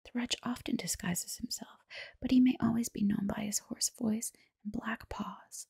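A fond old mother goat from a storybook, whispered by a woman, gently cautioning her young. The voice is breathy and full of fry, very close and dry. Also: on the high side, steady tone, moderate pace, no room sound, heavily acted. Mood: gentle warning. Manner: gentle, careful warning.

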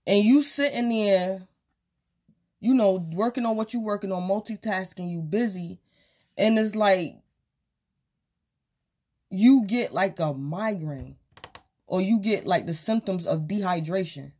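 An unhurried tarot reader with a medium-pitched, darkish voice pauses often as she talks. She's tired and losing her voice, giving a loose, filler-heavy reading with repeats at a table of cards and crystals in a small room at home.

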